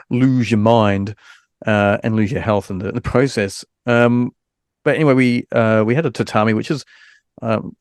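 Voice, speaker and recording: A man's voice: on the low side, darkish tone, dry recording, clean studio sound. A man hosting a podcast, chatting casually and hesitantly with lots of fillers. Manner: hesitant, many fillers and restarts. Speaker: podcast host.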